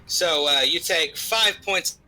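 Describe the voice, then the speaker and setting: Gm guy, high-ish very bright voice, rambly um-uh narration, music in the back. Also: takes it slowly, rough recording. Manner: loose, filler-heavy narration. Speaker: game master. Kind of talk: narrating a tabletop game.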